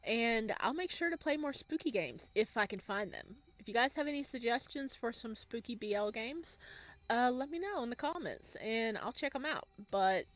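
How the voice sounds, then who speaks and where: Reading a horror visual novel aloud, this woman YouTuber performs it expressively and with animation before offering her reactions. Her gaming-channel voice sits on the high side, and she talks at a normal speed.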